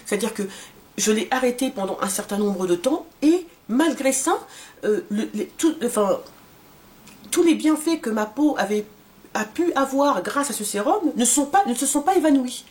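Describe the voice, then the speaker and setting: A woman's voice: on the high side, lively intonation, moderate pace, darkish tone. Hesitant woman in her forties reviewing skincare. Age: 40s. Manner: hesitant, many fillers and restarts. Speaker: beauty vlogger. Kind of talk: casual product review.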